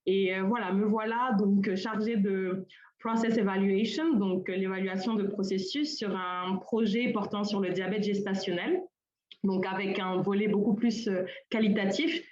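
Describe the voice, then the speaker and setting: A young woman from Senegal, a colloquium panelist, gives an informal conference talk, speaking hesitantly with many fillers and restarts. Her mid-range voice is darkish, steady in tone and at normal speed. The call audio is roomy, dull and lo-fi.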